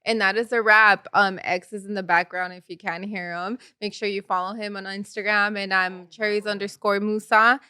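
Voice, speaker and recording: Bright-voiced outspoken woman co-host. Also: mid-range voice, little pitch movement, normal speed, few pauses, clear, resonant tone, dry recording. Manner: outspoken, laughs often, swears. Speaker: podcast co-host. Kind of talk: casual chat.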